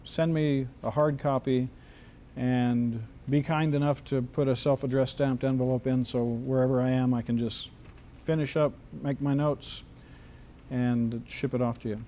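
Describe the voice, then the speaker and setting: Mellow-voiced man teaching a casual class. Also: medium pitch, steady tone, a little slow, slight background noise. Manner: loose, joking, many restarts. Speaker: screenwriting teacher.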